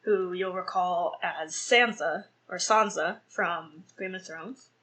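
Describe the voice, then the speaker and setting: On a roughly recorded solo podcast, a young woman reviews a film in a rambling way, full of fillers and false starts, and she laughs at herself whenever she slips up. Her voice is lowish and fairly bright, and she takes her time speaking.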